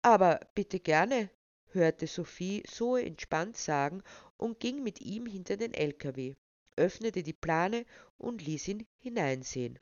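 A woman reads a children's story aloud with expressive storytelling. Her voice sits fairly low. The recording is dry and slightly muffled. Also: a little slow, no room sound.

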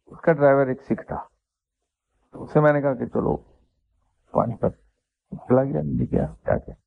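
A man, a spiritual teacher telling an anecdote and reflecting on faith in an unhurried, self-deprecating way. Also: medium pitch, creaky, husky, no echo. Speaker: spiritual teacher answering questions. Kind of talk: anecdotal storytelling and religious reflection. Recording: dry, tinny phone-like sound.

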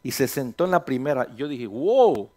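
A male pastor preaching a sermon in a lively storytelling manner, slipping English phrases into his talk and acting out little dialogues. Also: mid-range voice. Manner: mixes English phrases into Spanish, acts out dialogues; slows down to stress words, then speeds up.

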